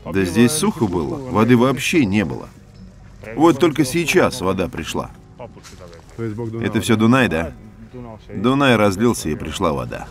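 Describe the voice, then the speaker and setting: A man's voice: fairly low pitch, very animated, measured pace, pauses often, music in the background. A man voicing a documentary interview, asking and answering in a plain conversational way. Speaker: interviewer and voice-over narrator.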